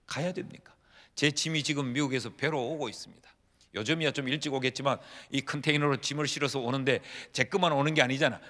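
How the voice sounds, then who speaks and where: A man's voice: medium pitch, fairly bright tone. A man in his fifties, a pastor preaching a sermon, telling humorous stories and acting out prayers as dialogue. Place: church sanctuary. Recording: long reverb of a church hall.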